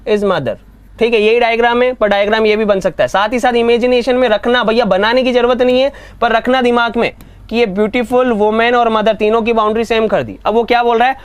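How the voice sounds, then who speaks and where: A man teaching an online reasoning class, often asking whether students have understood and reading statements out slowly. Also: very high voice, clear, resonant tone, no room sound. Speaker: exam coaching teacher.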